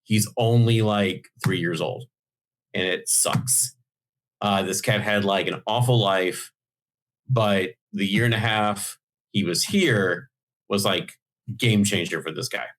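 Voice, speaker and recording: A man's voice: fairly low pitch, a bit bright. A man, a comic book writer, chatting on a podcast and telling long, rambling stories full of fillers and restarts. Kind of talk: casual podcast chat.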